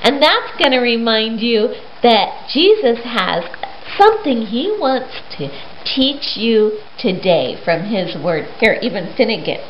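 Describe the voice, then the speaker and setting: A woman with a slightly high voice and big pitch swings retells a Bible story to young children at a slow pace, keeping it simple and emphatic and asking them questions. The lo-fi recording sounds roomy and dull, with hiss.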